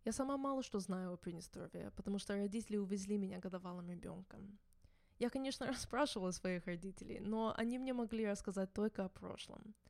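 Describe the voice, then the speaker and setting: A woman who grew up in the United States, narrating her podcast in a calm, measured storytelling manner. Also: medium pitch, creaky, no room sound, studio quality. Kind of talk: scripted narration.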